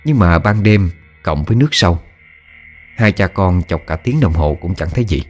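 A man calmly narrating a scripted ghost story. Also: low-pitched, moderate pace, soft background music.

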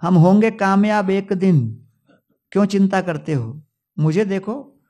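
A man's voice: high-pitched, takes it slowly, mellow, lo-fi sound. A man doing a boastful beaten king. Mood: brash. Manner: brash, cheering up a friend. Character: boastful defeated male king, jovial consoler.

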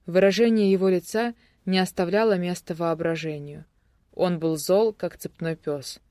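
A narrator giving a steady, even audiobook reading of a thriller. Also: mid-range voice, moderate pace, no echo.

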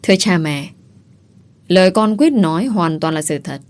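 A woman's voice: lowish voice, expressive, moderate pace, darkish tone, natural voice. A woman voicing a polite young daughter who reports to her parents. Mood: prim.

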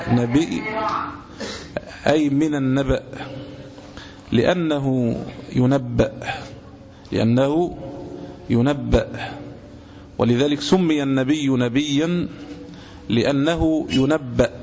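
A man teaching a religious lesson, explaining terms deliberately and repeating key words. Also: medium pitch, vocal fry, darkish tone, highs cut off, slight background noise. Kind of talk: lecture explaining a hadith book.

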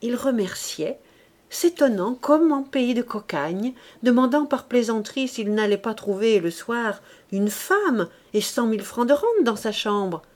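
Slow, measured woman reading a novel. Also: on the high side, lively intonation, darkish tone. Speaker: audiobook reader. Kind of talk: reading a classic novel aloud.

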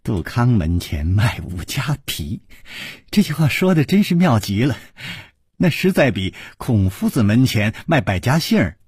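A man's voice: medium pitch, very animated, moderate pace, a little mellow, breathy edge, dry recording, clean studio sound. A man voicing a charming, witty young lady who speaks with a smiling, playful grace. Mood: gracious.

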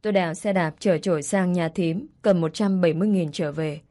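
A woman's voice: on the low side, a little fast, dark tone. Woman narrating a first-person story.

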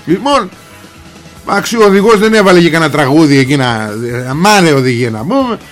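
A man's voice: on the high side, lively intonation, faint music behind. A man hosting a radio show, retelling a news story in a colloquial, rambling way with joking asides to his listeners.

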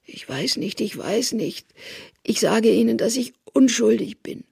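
A reader voicing a cowering male informer who pleads in a whining, sly way, with a husky voice, in a radio drama. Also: mid-range voice, sing-song, fairly quick, mellow, no room sound, studio quality, exaggerated voice.

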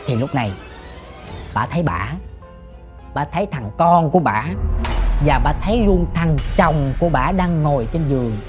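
A man telling a ghost story, dropping to hushed murmurs and jumping to sudden shouts, talking straight to his listeners. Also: on the high side, animated, normal speed, long pauses, dull audio, music in the background. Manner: addresses listeners directly.

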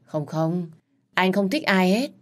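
A woman voicing a busy boss husband who speaks softly and pleads with his wife. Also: fairly low pitch, animated, takes it slowly, pitched above the performer's own voice. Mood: pleading. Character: hardworking husband, a boss, gentle and yielding.

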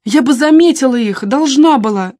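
A woman's voice: sits high, animated, moderate pace, dark tone, no echo, voice pushed up. Woman reading upset young female photographer, emphatic, agitated, dry close sound. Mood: insistent. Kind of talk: audiobook character reading.

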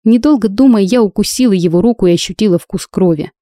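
A woman's voice: mid-range voice, fast, mellow, no echo. A woman narrating a first-person fantasy audiobook with intense, emotional delivery, recorded close to the mic.

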